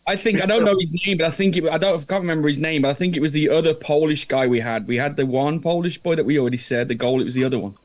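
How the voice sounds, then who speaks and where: Guy co-host rattling along fast, bit of a high voice, casual chat. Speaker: show panellist and co-host.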